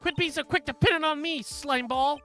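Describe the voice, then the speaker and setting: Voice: high-pitched, normal speed, pushed and bright, soft background music, voice pushed up. A game streamer voicing a snappish, defensive young female witness in a courtroom video game, indignant and stammering. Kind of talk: video game dialogue read aloud.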